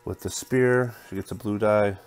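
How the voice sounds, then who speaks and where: A man's voice: on the low side, fairly even intonation, normal speed, faint music behind. A man casually talking through a tabletop game playthrough, counting dice aloud and reading the game text. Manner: counts dice out loud, thinks through moves.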